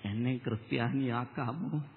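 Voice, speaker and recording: A man doing a humble, hushed old father. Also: mid-range voice, unhurried, noisy background, voice pushed down, lightly acted. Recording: echoey hall, tinny narrow sound.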